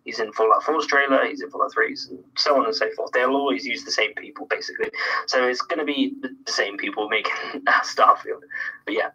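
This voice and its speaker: A man's voice: medium pitch, brisk, sharp tone, husky, highs cut off. A man chatting casually as a guest on a gaming podcast, enthusiastic and fond of jokes he takes right back.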